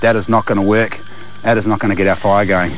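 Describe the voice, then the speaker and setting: Outdoors on a river and in wetlands, a survival-show adventurer with a broad New Zealand accent chats casually and bluntly in matey slang, mixing unscripted talk with on-camera commentary. His voice is fairly low, flat and fast, with background noise, and his manner is laid-back.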